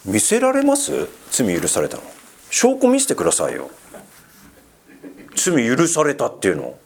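A man preaching a casual, conversational sermon as pastor, full of fillers and asides, asking the congregation questions and teasing them. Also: mid-range voice. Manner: chatty, asks the congregation questions and teases them.

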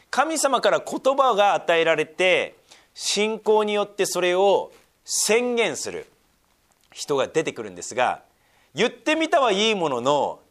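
A man preaching a sermon, reading scripture aloud and then explaining it with lively asides. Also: sits high. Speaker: pastor.

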